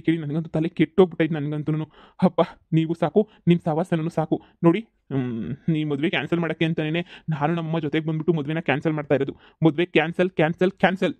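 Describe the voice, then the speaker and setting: Man voicing a stubborn young groom, insistent, fast-talking, slightly high voice. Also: darkish tone, no room sound, lightly acted. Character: stubborn young groom calling off his wedding.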